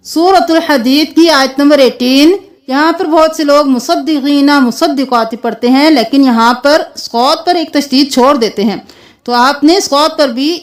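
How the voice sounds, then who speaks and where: A woman teaching Quran recitation, explaining the rules briskly and then chanting the verses slowly, spelling words out syllable by syllable. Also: high voice. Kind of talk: tajweed lesson with slow chanted recitation.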